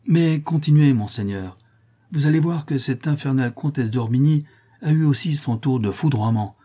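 A man's voice: medium pitch, mellow, husky, close to an everyday voice. A man reading the lines of an older male counselor in an audiobook, earnest and emphatic.

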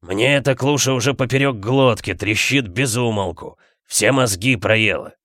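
A man voicing a rude, bad-tempered husband who talks gruffly and barks his words. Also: medium pitch, moderate pace, a bit bright, no room sound, clean studio sound, natural voice. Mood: rude, angry. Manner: gruff, barking.

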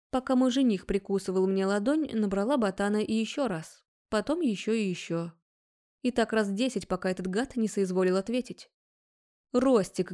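A young woman narrating a first-person story, brisk and wry. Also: medium pitch, warm tone.

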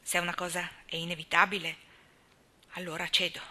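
A woman voicing an outspoken, indignant older spinster who scolds in a high, emphatic voice. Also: flat delivery, a little fast, sharp tone. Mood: scolding.

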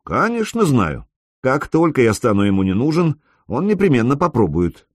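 A man reading an audiobook, voicing a self-assured young male gamer who speaks softly and reassuringly. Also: wildly swooping pitch, moderate pace, no room sound, clean studio sound. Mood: calm, reassuring. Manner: soft, low and reassuring.

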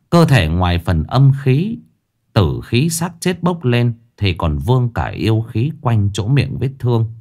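A man narrating a ghost story in a lively, dramatic way. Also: lowish voice.

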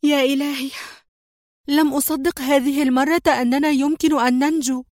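A woman's voice: sits high, fast talker, fairly bright tone, no room sound, studio quality, pitched above the performer's own voice. A woman voicing an anxious young female agent in a spy audiobook, sounding alarmed. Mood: shaken. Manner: breathless, alarmed.

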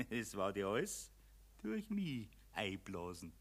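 A man's voice: lowish voice, huge pitch swings, slow, breathy edge, heavily acted. A man playing a bossy, mocking spirit of Money in a Bavarian dialect verse play, taunting and theatrical. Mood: gloating menace. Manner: taunting, theatrical, swooping from shouts to hushed menace.

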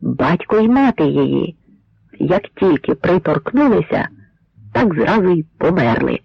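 A man's voice: high-pitched, very animated, measured pace, creaky, breathy edge, dry recording, exaggerated voice. A man voicing a trembling, pleading old villager. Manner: pleading, trembling, secretive whisper. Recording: dry, slightly muffled lo-fi recording.

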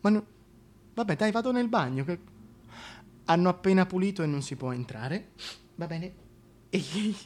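In a theatrical comic monologue for a radio play, a man plays a flustered, foul-mouthed presenter who is agitated, stammering, and colloquial, with a dejected, pleading mood. His voice sits high with lively intonation at a moderate pace, broken by long pauses.

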